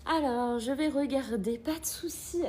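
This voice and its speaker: A woman's voice: high voice, measured pace, a little mellow, a little hiss or hum. A woman hosting a live cooking stream from an agency kitchen, chatting with viewers, greeting them often and reading their comments aloud.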